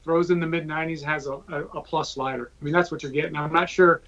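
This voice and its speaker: A man giving a scouting analysis on a live panel, thinking aloud with fillers and trailing off quietly. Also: on the high side, steady tone, fast, lo-fi sound.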